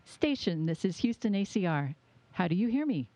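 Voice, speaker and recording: A woman's voice: medium pitch, big pitch swings, moderate pace, dark tone, no echo. A woman working as a mission control radio operator, giving clipped radio checks over a space radio link. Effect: space radio communicator link. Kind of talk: clipped radio call procedure.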